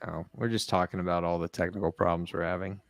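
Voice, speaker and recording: An easygoing man co-hosting a casual chat, filling pauses as he goes. His voice sits fairly low. The sound is dry and close. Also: flat delivery, vocal fry, dry recording. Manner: easygoing, with filler words. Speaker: podcast co-host.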